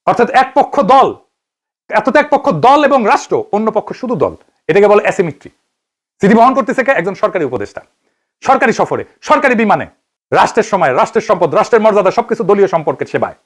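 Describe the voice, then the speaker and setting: This Bangladeshi man, speaking with a Bengali accent, gives investigative political commentary, firing off rhetorical questions he then answers. He talks quickly in a high, sing-song voice.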